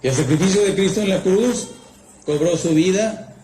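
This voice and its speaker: A man's voice: sits high, normal speed, mellow. A man preaching a campfire sermon, telling a story and asking rhetorical questions. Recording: roomy echo, faint background noise.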